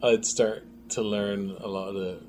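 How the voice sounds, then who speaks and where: Being interviewed, a filmmaker and sound designer speaks casually, hesitantly hunting for words as he reflects. His lowish voice is a bit slow, a bit mellow and flat in delivery, and background noise is clearly audible.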